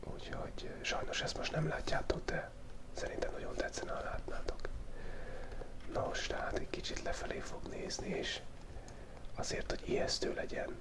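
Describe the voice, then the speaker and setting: A Hungarian man with a cold, who hosts a YouTube drawing channel, whispers playful ASMR commentary and joking asides as he sketches. His voice is extremely high with huge pitch swings, captured by a small mic taped right to his face.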